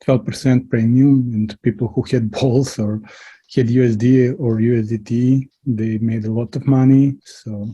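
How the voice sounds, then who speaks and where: A man from Serbia joining a group video call, relaxed and a bit hesitant. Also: medium pitch, unhurried, breathy edge, dull audio. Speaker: guest. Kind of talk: casual group chat.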